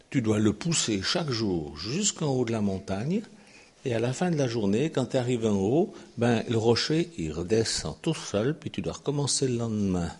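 A man voicing a sly, smooth-talking male demon who coaxes his listener, husky-toned. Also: medium pitch, darkish tone. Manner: suave, coaxing.

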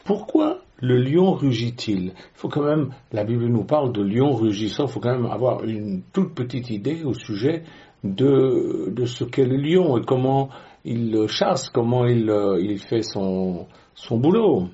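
A man's voice: mid-range voice, expressive, measured pace, warm tone, lo-fi sound. A man preaching a sermon in a conversational way, with rhetorical questions and frequent hesitations.

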